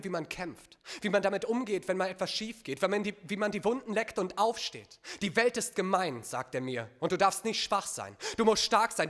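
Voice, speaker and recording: A man on stage performing a spoken-word slam poem, dramatic, swinging between hushed lines and loud bursts. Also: sits high.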